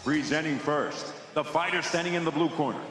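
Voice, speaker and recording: A high-voiced man calls fighters into the cage, stretching each name out with theatrical flair. His voice rings through a large arena with a long, echoing reverb and steady background noise. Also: brisk, soft background music. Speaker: ring announcer. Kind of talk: booming fighter introductions.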